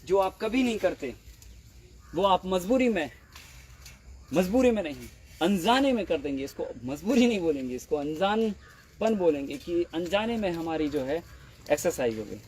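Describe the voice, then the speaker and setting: Male field trainer, fairly high voice, patient and repetitive, outdoors with faint insect noise. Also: sing-song, normal speed, a little mellow. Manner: patient, repeats words, addresses trainees directly. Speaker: farming trainer.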